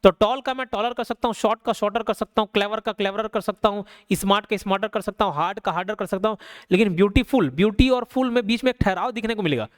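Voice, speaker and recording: A male teacher giving a casual, conversational grammar lesson. He keeps asking rhetorical questions and slows down to spell out each example. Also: high-pitched, no echo, studio quality. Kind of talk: casual classroom explanation.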